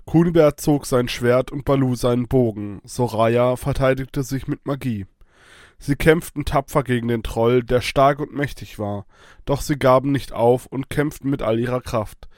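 A man calmly narrating a children's fairy-tale adventure. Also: medium pitch, moderate pace, no echo, clean studio sound. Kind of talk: children's story reading.

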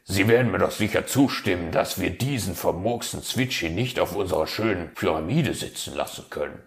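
A man voicing an excitable, fussy male fox in a storybook tale, speaking high and loud. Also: a little slow, vocal fry, heavily acted. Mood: eager.

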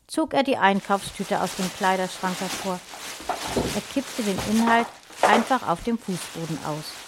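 A woman author reading her own short story aloud in a calm, even storytelling voice. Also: mid-range voice, noisy background. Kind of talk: storybook narration.

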